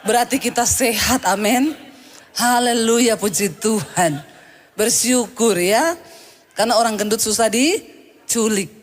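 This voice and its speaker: A woman's voice: a little high, unhurried, pauses often. A woman pastor delivering a sermon, telling a story with humorous asides and vivid quoted voices.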